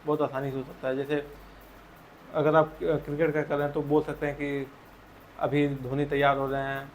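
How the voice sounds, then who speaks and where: A man's voice: on the high side, level tone, normal speed, a little hiss or hum. A man teaching a school textbook chapter, patiently explaining answers and asking leading questions to his students.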